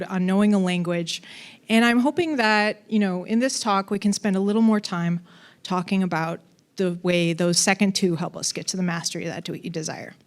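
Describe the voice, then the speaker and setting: A woman giving a conference talk on coding, casual and playful, with fillers and asides. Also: medium pitch. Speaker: conference speaker.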